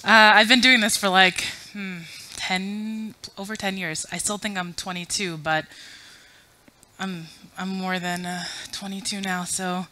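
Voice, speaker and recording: A woman in her thirties, originally from Afghanistan, speaks a little slowly in a level, mid-range voice with a sharp edge. Using a podium mic, she delivers a chatty, self-deprecating conference talk to a full room and runs audience polls.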